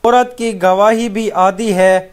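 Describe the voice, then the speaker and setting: A man's voice: sits high, fairly even intonation, clear, resonant tone. A man formally and politely reading questions aloud to a scholar. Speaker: question reader.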